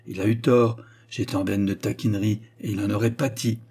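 A man's voice: lowish voice, steady tone, darkish tone, husky. A male audiobook reader voicing a spirited, teasing young woman who mocks and protests. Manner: mocking, quick to protest. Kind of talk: audiobook character reading.

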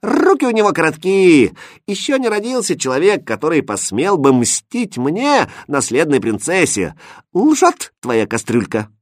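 A man voicing a haughty, capricious young princess in a storybook reading, speaking in imperious, shrill outbursts. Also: wildly swooping pitch, measured pace, dry recording, clean studio sound, heavily acted.

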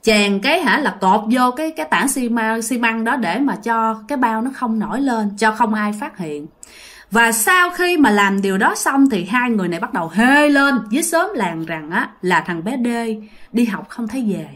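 A woman's voice: on the high side, lively intonation, moderate pace, a bit bright. A woman telling a ghost story in a chatty way, often speaking straight to her listeners. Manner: chatty, addresses listeners as "các bạn". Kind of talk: casual ghost-story narration.

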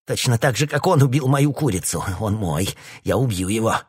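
A man reading an audiobook, voicing a crazed, vengeful older male colonel who hisses and bursts into shouts. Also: lowish voice, expressive, normal speed, husky, pitched above the performer's own voice. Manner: hissing, then bursting into shouts.

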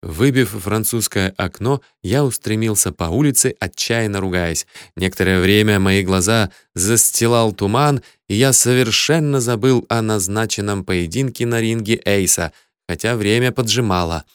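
A man's voice: fairly low pitch, moderate pace, clear, resonant tone, dry recording. A man narrating an adventure audiobook in the first person, telling it vividly from a close studio mic. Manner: vivid, shouts the hero's angry lines.

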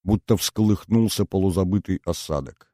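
Deep mellow guy reading an audiobook in first person, calm and measured, brooding. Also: no room sound, studio quality. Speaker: audiobook narrator.

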